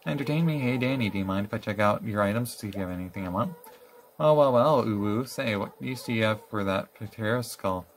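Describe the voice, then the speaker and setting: A man's voice: fairly low pitch, quick pace, slight background noise, natural voice. A man reading the lines of a smug, self-admiring animal villager in a video game, who wheedles and ends lines with a catchphrase.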